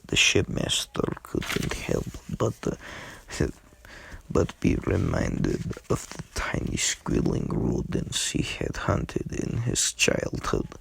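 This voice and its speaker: An extremely low male voice with a heavy rasp and a Russian accent, reading fiction aloud. The pitch swings widely, and he goes haltingly, tripping on words and starting them again. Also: poor audio. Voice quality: gravelly, husky. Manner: stumbles over words and corrects himself. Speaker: amateur reader. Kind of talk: halting read-aloud of a science fiction story.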